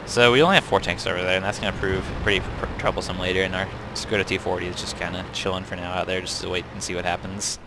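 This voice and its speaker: A man's voice: low voice, fairly even intonation, quick pace, few pauses, noisy background. A young man casually commenting over replays of his own tank battles, chatty and self-correcting, with frequent ums. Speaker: game reviewer. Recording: tank game sounds loud behind voice.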